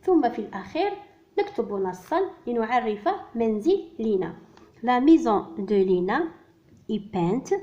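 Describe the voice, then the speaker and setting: A woman teaching a primary school French workbook lesson, switching between French and Arabic and saying each French word slowly and carefully. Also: fairly high pitch, big pitch swings, dark tone. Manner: slow, careful enunciation of French words. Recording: dull lo-fi recording.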